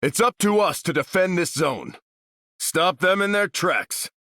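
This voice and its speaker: A man's voice: high voice, lively intonation, a little slow, bright, forceful tone, dry recording, studio quality, exaggerated voice. An American man playing Captain America, a stalwart veteran soldier hero and earnest, commanding leader in a video game. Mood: rallying, urgent. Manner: earnest, commanding, military phrasing. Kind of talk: video game character voice lines.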